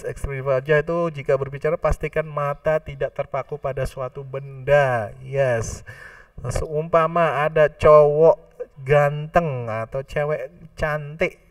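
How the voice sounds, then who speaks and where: A man with an Indonesian accent giving a class lecture, mixing English phrases into his talk and pausing often on fillers. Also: fairly high pitch, no room sound, far from the mic.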